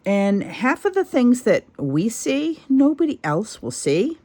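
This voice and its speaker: A woman's voice: fairly high pitch, sing-song, slow, a little mellow, a little hiss or hum. A middle-aged woman chatting casually as she walks through a sewing craft project, rambling and poking fun at herself. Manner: chatty, self-deprecating, rambling asides. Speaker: craft channel host. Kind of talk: casual crafting tutorial chat.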